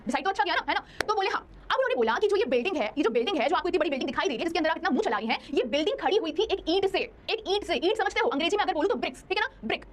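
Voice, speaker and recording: A young woman teaches a science lesson from a studio in a very high voice. She talks at a breakneck pace, playful and chatty, and keeps asking her students if they understand. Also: lively intonation, rapid-fire, few pauses, a little hiss or hum. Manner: chatty, playful, talks straight to students with many checking questions. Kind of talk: online class lecture.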